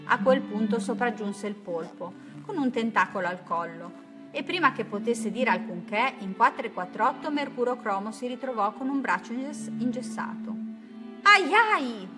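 A woman reading a children's bedtime story aloud in a gentle, lilting way. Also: a little high, normal speed. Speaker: narrator. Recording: music playing behind.

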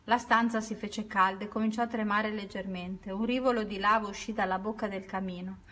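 A woman reading a children's story aloud at an unhurried pace, now and then correcting herself. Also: medium pitch, fairly even intonation, a bit bright.

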